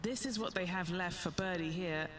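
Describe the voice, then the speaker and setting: A man's voice: high voice, normal speed, a bit bright. A man voicing a matter-of-fact on-course golf reporter giving commentary in a video game. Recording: distant mic, outdoor noise.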